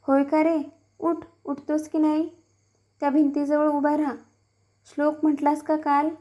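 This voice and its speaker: A woman's voice: high voice, little pitch movement, unhurried, mellow. A woman reading the lines of a village father who raises his voice at his son over a lie. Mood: angry. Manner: raised, commanding. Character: angry then gentle village father.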